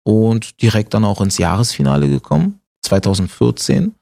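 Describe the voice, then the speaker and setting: A man from Germany, a comedian chatting casually as an interview guest and telling stories with animated laughter. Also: on the low side, moderate pace, creaky.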